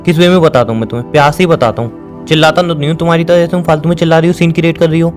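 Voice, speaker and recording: A man's voice: fairly high pitch, fairly even intonation, racing, faint music behind, close to an everyday voice. A young man playing a boyfriend in an acted phone-call drama, insistent and questioning, later patient and lecturing. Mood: defensive. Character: young boyfriend pressing his girlfriend on a call.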